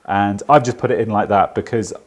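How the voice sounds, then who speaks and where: An electrician vlogger with a lowish voice talks briskly to the camera while on a job in a house under renovation. Indoors and casual, he jokes and swears freely.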